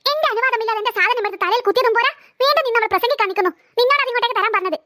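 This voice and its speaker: A woman voicing a bossy, possessive cartoon girl who squabbles with her sister in a shrill, scolding, insistent manner. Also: racing, pushed and bright, no echo, clean studio sound. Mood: indignant. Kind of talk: cartoon voice acting.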